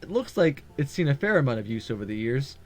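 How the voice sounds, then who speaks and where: A gaming video host reads a visual novel aloud in a quick, sing-song, mid-range voice, tossing in casual asides and sometimes stumbling over words. Game background music plays behind him.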